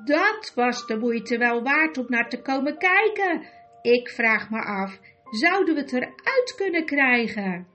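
A woman's voice: high-pitched, very animated, unhurried, fairly bright tone, soft background music, exaggerated voice. A woman voicing a young, earnest noble king in a storybook reading, full of wonder. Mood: awed.

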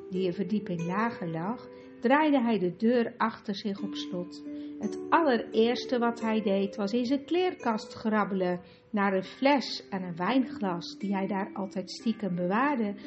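A woman narrates a children's storybook in a calm, even reading voice, pitched a little high. The recording sounds dull and lo-fi, with clear guitar music playing underneath. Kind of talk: audiobook reading.

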